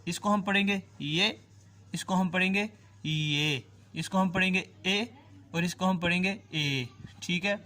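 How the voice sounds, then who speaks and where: A man's voice: sits high, level tone, few pauses, bright, forceful tone. A man teaching a language class, patiently drawing out and repeating each sound and checking that the listener follows. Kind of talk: online language lesson.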